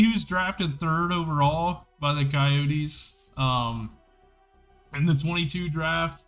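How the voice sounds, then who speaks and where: An excitable male podcast host with a slightly higher voice, chatting casually about hockey on a livestream. He talks slowly and rambles as he goes, with faint music playing under his voice.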